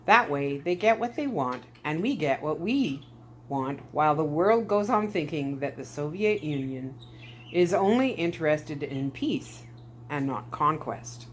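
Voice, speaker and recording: In this storybook read-aloud, a female narrator plays a talkative Soviet KGB skipper, a self-satisfied villain who gloats slowly and theatrically and can't wait to explain. The voice is deep and lively in intonation, with a faint hiss or hum in the recording.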